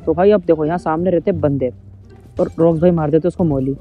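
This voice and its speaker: Male streamer, casual play-by-play, teasing and excitable, fairly high voice, with game music underneath. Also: a little fast, phone-quality sound. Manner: excitable, joking, teasing trash talk. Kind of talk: casual gameplay commentary. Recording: game music and gunfire behind the voice.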